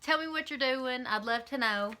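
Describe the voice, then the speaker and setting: A woman's voice: high-pitched, normal speed, sharp tone. A woman with an Eastern Kentucky accent talking casually and candidly to camera in a vlog, with frequent ums and likes. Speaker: vlogger.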